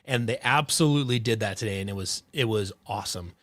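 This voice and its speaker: A man hosting a casual sports podcast, rambling through restarts and fillers, excitable and swearing freely. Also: on the low side, fast talker. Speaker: podcast host.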